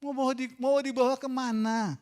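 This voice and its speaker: A man with an Indonesian accent preaching a sermon as pastor in a church, swinging between loud, mocking asides and quiet, confessional lines. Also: very high voice, fairly even intonation, brisk. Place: church sanctuary. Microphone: pulpit microphone.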